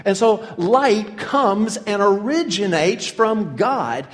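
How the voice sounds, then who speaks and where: A man's voice: high voice, animated, takes it slowly, long reverb tail. A man preaching a sermon, emphatic and teaching in tone, with some hesitant fillers.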